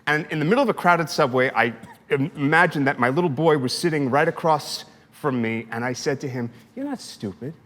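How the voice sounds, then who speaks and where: A man's voice: a little high, a little fast, fairly bright tone, long reverb tail. A man speaking earnestly in an interview about his feelings, his voice tender and emotional. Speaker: fitness class participant. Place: fitness studio.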